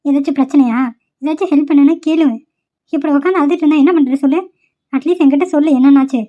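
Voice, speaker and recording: A woman's voice: sits high, steady tone, quick pace, dark tone, close to an everyday voice. A woman voicing caring young female college students in a homemade cartoon, coaxing and pleading with a friend. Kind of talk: amateur cartoon voice acting.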